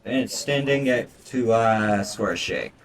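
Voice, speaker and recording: A man streams a let's-play, reading visual novel text aloud and tossing in crude, irreverent remarks along the way. His voice sits on the low side and moves at a moderate pace. Game music plays, and a crowd can be heard in the background.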